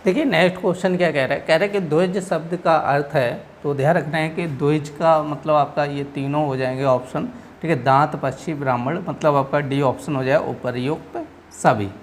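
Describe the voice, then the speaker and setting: A man with a fairly high voice talks a little fast, with a little hiss or hum on the recording. He teaches patiently, walking through exam answers step by step, repeating himself and checking in constantly with students through frequent "okay"s.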